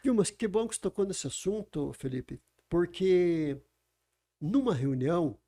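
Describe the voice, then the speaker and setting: A man speaks on a podcast. His voice is gravelly, mellow and a little high. He teaches in an emphatic way and asks the listener rhetorical questions. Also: animated, unhurried. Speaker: communication speaker. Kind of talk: conversational explaining. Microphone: podcast microphone.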